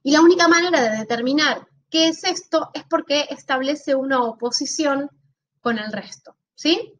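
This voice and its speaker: In a recorded lecture, a woman teacher with a high voice explains things step by step at a moderate pace. She keeps checking in with her listeners, often through rhetorical questions.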